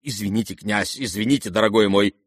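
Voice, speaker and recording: A man's voice: lowish voice, brisk, husky, dry recording, studio quality. A man voicing a flustered middle-aged general and father in an audiobook who stammers and pleads.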